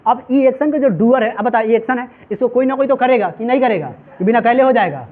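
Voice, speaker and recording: A man's voice: very high-pitched, fast talker. A man teaching a grammar lesson, drilling his students with the same questions again and again. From Bihar, India. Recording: tinny phone-like sound.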